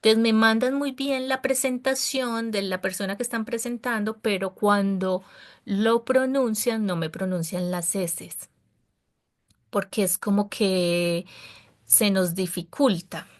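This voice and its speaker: A woman's voice: medium pitch, steady tone, unhurried. A Spanish-speaking woman teaching an English class over a video call, patient and encouraging, explaining pronunciation step by step.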